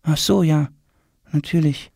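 A man's voice: a little high, measured pace, vocal fry, darkish tone, no room sound, clean studio sound, voice pushed up. A man voicing a curious, hasty schoolboy who asks question after question. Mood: surprised. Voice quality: eager, questioning. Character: curious, hasty schoolboy, polite but impatient.

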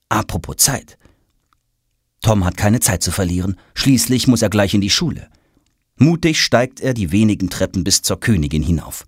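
Man reading a children's story, very lively melody, dry close sound. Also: on the low side, husky, no echo. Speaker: narrator. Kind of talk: children's audiobook narration.

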